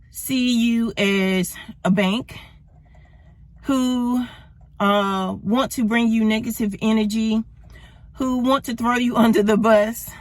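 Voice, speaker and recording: A woman over forty giving a casual motivational talk to camera from her parked car, a little out of breath, laughing often and drawing out her words for emphasis. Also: fairly high pitch. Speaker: motivational vlogger.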